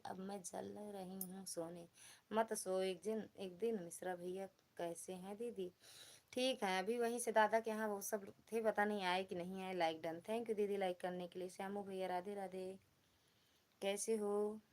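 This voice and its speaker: A woman's voice: medium pitch, fairly even intonation, unhurried, darkish tone. A woman with an Awadhi accent hosting a casual live stream, chattily greeting viewers by name and humming song snatches into a phone. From Uttar Pradesh, India.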